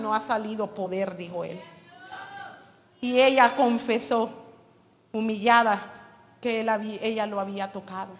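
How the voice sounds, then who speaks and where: A woman preaches with an emphatic sermon delivery, often turning to address her listeners as brothers. Her voice sits high and bright, and it rings out with a long hall reverb around it.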